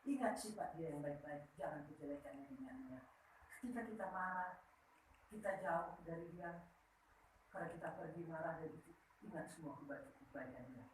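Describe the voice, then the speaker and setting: A woman giving lively, teasing marriage advice at a wedding ceremony, checking in with the couple with a constant "ya?". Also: deep voice. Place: marriage hall. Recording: very echoey hall, far from the mic, faint noise.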